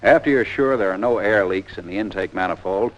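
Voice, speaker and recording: A low-ish, fairly quick American male voice narrates a 1940s instructional film, explaining things plainly and methodically, one step at a time. The audio is dull, lo-fi 1940s soundtrack quality.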